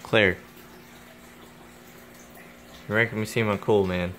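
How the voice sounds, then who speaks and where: Low-ish and a bit bright, this young man's voice has fairly even intonation and runs a little fast. Recording himself on his phone at home, he chats about his pet reptiles in a loose, joking vlog, rambling and addressing the animals, with faint noise in the background.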